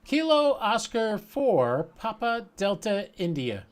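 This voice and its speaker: This man speaks slowly in a high voice with big pitch swings, casually narrating his ham radio operation and thinking through each step aloud. Loud static and hiss dominate the recording, with radio chatter behind him.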